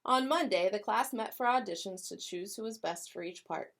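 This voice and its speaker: A woman with a medium-pitched voice speaks as an elementary school educator addressing children and families. She reads and announces in an expressive, clearly paced storytelling style. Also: moderate pace, slight background noise. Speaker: elementary school educator reading aloud to pupils. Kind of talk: announcements and children's picture book read aloud.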